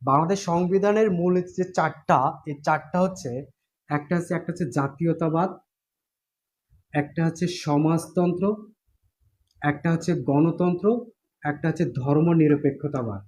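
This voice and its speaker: A male teacher runs an online exam-prep class. His voice sits slightly high for a man. He talks casually, repeats key points and keeps asking his students whether they follow. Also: normal speed, long pauses, a little mellow. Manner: repetitive, checks in with students often.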